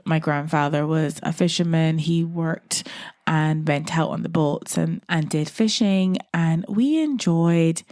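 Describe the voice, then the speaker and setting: A woman's voice: sits low, darkish tone, dry recording, clean studio sound. A woman from Barbados hosting a solo podcast, reflective, repeating her phrases and dropping to a whisper for emphasis. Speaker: podcast host.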